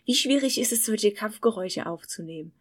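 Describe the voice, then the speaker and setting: A woman's voice: medium pitch, animated, a little fast. A woman interviewing a guest, asking curious questions in a casual way.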